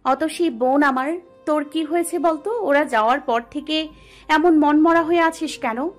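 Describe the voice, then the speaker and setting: A woman's voice: high voice, lively intonation, a little slow. A woman voicing a caring older sister who coaxes and scolds in an audio story drama. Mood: coaxing. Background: soft background music.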